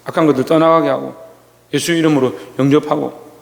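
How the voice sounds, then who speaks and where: A male pastor giving a Sunday sermon, telling a personal story slowly with many pauses and restarts. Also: fairly high pitch, steady tone, gravelly, in a large hall. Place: church sanctuary.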